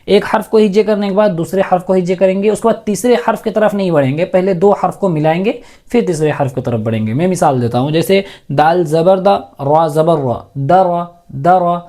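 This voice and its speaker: Mellow-voiced man spelling letters slowly. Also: sits high. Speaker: Quran recitation teacher. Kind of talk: step-by-step reading lesson.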